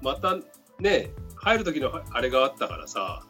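Easygoing man with a very animated pitch. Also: moderate pace, slightly rough, soft background music. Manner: easygoing, soothing, reactive. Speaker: podcast host. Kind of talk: casual podcast chat.

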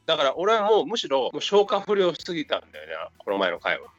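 A man co-hosting a casual comedy podcast, talking in a relaxed, reflective way. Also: on the high side, fast, no room sound, lo-fi sound, faint music behind. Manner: relaxed, reflective, laughs along. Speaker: podcast co-host.

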